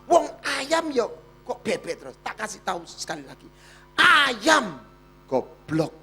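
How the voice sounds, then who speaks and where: A man's voice: very high-pitched, sing-song, measured pace, pushed and bright, husky, faint music behind, full character voice. A man voicing a young husband who soothes his bride and insists bluntly. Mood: exasperated. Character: young husband, calm then exasperated.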